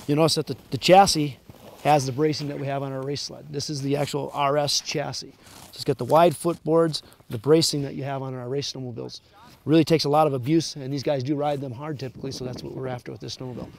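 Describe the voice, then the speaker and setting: A man's voice: mid-range voice, gravelly, a little mellow, a little hiss or hum. A man from the maker showing off a snowmobile outdoors in the snow, explaining its features plainly. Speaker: manufacturer product rep. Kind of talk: product walkaround explanation. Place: outdoors in snow at a sled event.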